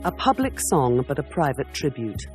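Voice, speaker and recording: A man giving scripted documentary narration in a measured, dramatic way. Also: mid-range voice, very animated, soft background music.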